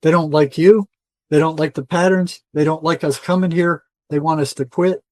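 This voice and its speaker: An older man, a retired psychotherapist, appears as a guest in a casual interview, telling rambling stories in everyday language and voicing the dialogue he quotes. His voice is fairly high and darkish in tone, steady, at normal speed, and the recording is dry.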